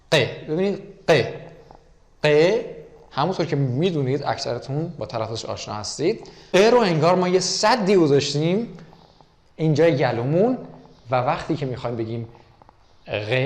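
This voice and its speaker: A man teaching a French pronunciation lesson, whose first language is Persian, explaining clearly and repeating each sound slowly many times. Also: a little high, a little mellow. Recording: echoey room with faint music.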